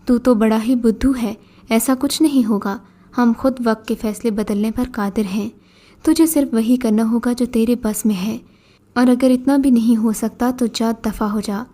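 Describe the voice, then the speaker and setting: A scornful old jinn in a beggar's guise, mocking and bossy, as a woman storyteller reads him. The voice sits fairly high and mellow. It sounds like a storybook being read aloud. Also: lightly acted. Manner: scornful, commanding.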